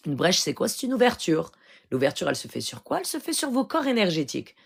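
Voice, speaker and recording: A woman's voice: on the low side, wildly swooping pitch, fast, creaky, slightly rough. A woman from Morocco, a spiritual healer talking casually on a phone live stream and teaching earnestly, often checking in with her listeners. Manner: earnest and instructive, keeps checking in with "d'accord?".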